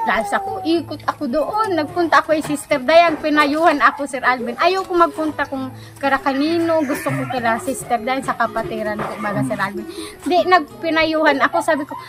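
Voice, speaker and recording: A woman, casually telling a personal story to a host, animated and laughing often. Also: high voice, normal speed. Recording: background music under the voice. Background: music.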